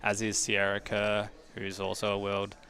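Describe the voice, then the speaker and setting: Male sports analyst, even monotone delivery, slightly low pitch. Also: a little slow. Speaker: surf contest co-commentator.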